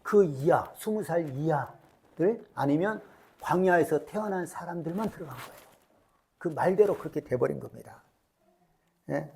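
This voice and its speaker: A man's voice: fairly high pitch, animated, normal speed, gravelly, long pauses, a little mellow, slightly rough. A middle-aged man preaching a sermon as pastor, asking rhetorical questions and acting out quoted lines.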